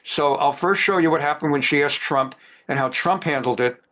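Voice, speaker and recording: A man's voice: on the high side, normal speed, fairly bright tone. A man teaching a lecture on current events who talks emphatically and repeats phrases for stress. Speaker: religious teacher.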